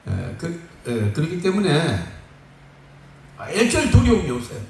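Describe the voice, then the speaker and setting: A male pastor preaching a sermon in a lively, joking way, laughing often, recorded on a phone from far off in a church hall. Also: on the high side, a little slow, a little hiss or hum. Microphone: phone far off in the room. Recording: echoey room from far off on a phone.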